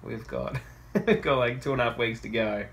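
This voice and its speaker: A man's voice: mid-range voice, moderate pace. A man chatting on a travel vlog in a wry, understated way. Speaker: vlogger. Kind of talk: casual travel vlog chat.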